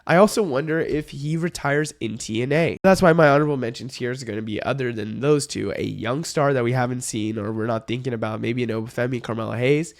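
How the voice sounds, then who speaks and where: A man's voice: medium pitch, quick pace, gravelly, hardly any pauses. Young man, sick voice, casual vlog host, rambling, hedging, self-correcting. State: sick, voice sounds off. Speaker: wrestling video host.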